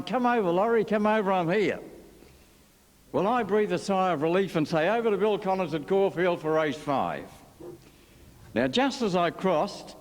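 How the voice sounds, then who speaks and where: Older Australian man, memorial speaker; lightly raised pitch, easy anecdotal humour, long reverb through a big hall PA. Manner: warm anecdotal storytelling with gentle humour. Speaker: memorial speaker, former radio studio coordinator. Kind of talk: memorial speech. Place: large hall at a racecourse.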